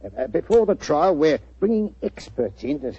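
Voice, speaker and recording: An actor playing a cocksure, plodding English police inspector with an English accent, blustering and colloquial in 1940s radio style. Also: male voice, fairly high pitch, sing-song, moderate pace, warm tone, breathy edge, no echo, full character voice. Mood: businesslike. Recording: muffled old 1940s radio recording.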